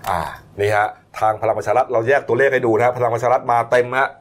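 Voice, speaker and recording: Fast-talking male news host. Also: medium pitch, steady tone. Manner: brisk, polite, wrapping up with polite particles. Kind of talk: casual political news chat.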